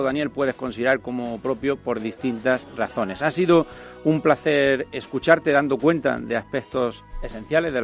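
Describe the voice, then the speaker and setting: A man's voice: medium pitch, creaky. A man hosting a radio program, asking questions in a formal, courteous way. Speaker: radio show host. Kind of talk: radio interview.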